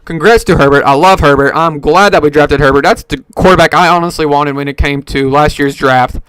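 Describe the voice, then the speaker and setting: Rambling man with a smooth, dry voice. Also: on the high side, a little fast, a bit bright, dry recording. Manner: rambling, lots of fillers and self-corrections. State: hiccups. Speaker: podcast host. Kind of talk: casual solo sports talk.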